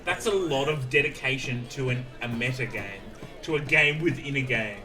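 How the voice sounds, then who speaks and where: A man's voice: mid-range voice, normal speed, distant mic, music in the background. A man chatting casually on a gaming stream, teasing a friend. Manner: teasing, joking storyteller. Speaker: co-host.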